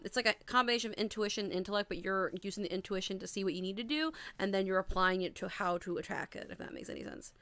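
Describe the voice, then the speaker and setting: A woman's voice: mid-range voice, sharp tone, smooth, dry recording. A woman around thirty chatting casually on a live stream and giving tarot readings, with an upbeat, rambling way of talking and a voice strained after losing it. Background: faint music.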